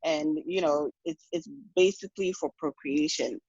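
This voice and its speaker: A woman's voice: sits low, normal speed, darkish tone, husky, no room sound, highs cut off. A woman from Ghana, speaking frankly in a casual podcast conversation, often restarting and adding "you know". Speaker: podcast guest.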